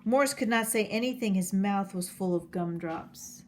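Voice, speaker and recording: A woman reading a children's picture book aloud, telling the story slowly and clearly. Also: mid-range voice, a little hiss or hum. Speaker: storybook reader.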